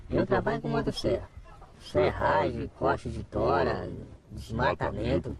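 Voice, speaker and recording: A man's voice: rumbling low, huge pitch swings, measured pace, over a noisy crowd. An anonymous chainsaw worker, a man whose voice is altered by a voice changer, giving plain-spoken interview answers and often asking "entendeu?".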